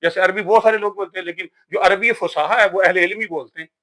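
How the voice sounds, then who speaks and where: A man's voice: high-pitched, steady tone, bright, forceful tone. A man from Pakistan, giving a casual, emphatic talk about books in a vlog. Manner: emphatic, preachy, says "yaar" often. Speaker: vlogger.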